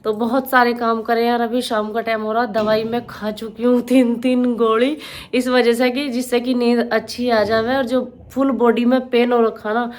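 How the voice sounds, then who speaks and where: A woman's voice: a little high, little pitch movement, normal speed. A woman chatting casually to her vlog audience, sounding worn out and plain-spoken. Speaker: vlogger.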